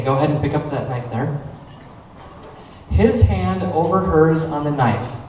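A man's voice: on the high side, a little mellow, slight background noise. A man serving as the wedding DJ and master of ceremonies, speaking in a playful, upbeat announcer manner with a Minnesotan accent. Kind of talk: lively emcee patter at a wedding reception. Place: large wooden barn event hall, indoors. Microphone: handheld microphone through the PA, picked up from afar. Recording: echoey hall from far off.

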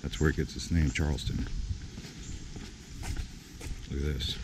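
A low-voiced man narrates a relaxed walking tour in a casual, offhand way with small jokes. He is recorded outdoors on a camera mic while walking, with street traffic clearly heard in the background. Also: measured pace. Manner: relaxed, offhand, joking asides. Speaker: travel vlogger. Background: street traffic noise.

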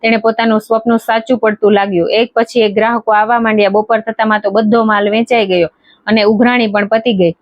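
A woman storyteller reading a devotional folk tale at a measured, steady pace. Her voice sits slightly high. The recording is dry, with a somewhat dull, lo-fi sound. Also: no echo.

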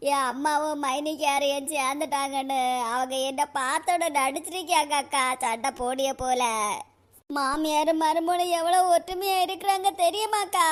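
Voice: high-pitched, fairly bright tone. A voice actor playing a tearful, complaining young married woman in a cartoon comedy, with a Kanyakumari Tamil accent. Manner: whiny, complaining.

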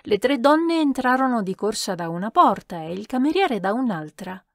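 A woman narrating a classic novel as an audiobook, reading in a measured way into a close mic. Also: on the high side, very animated, a bit bright, dry recording. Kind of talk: scripted narration.

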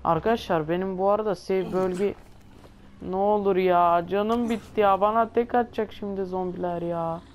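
There's a little hiss or hum as a woman with a mid-range, slightly mellow voice talks at a steady tone and normal speed. Hosting gaming videos, she keeps swearing and griping to her viewers, grumbling and exasperated as she plays.

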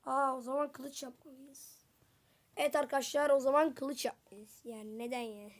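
A woman's voice: high-pitched, fairly even intonation, normal speed. A woman giving casual gameplay commentary to her viewers, chatty and full of exclamations, getting flustered when danger appears. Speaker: gameplay video creator.

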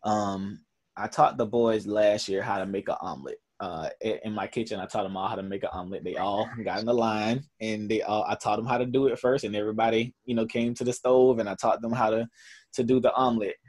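A man's voice: lowish voice, steady tone, brisk, a little mellow. A man in his twenties with a Southern US accent, speaking earnestly in a conversational interview with many fillers and restarts. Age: 20s. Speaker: camp founder.

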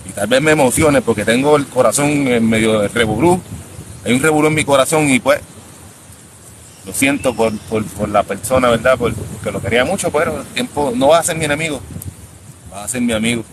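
A man in his fifties with a Puerto Rican accent, rambling casually on a live stream outdoors by a beach, talking to himself and halting when he tries English. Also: medium pitch, noisy background. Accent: Puerto Rican Spanish. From Puerto Rico. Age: 50s.

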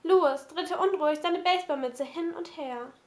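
Amateur audiobook narrator, woman, high voice, measured. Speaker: audiobook reader. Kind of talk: amateur novel reading.

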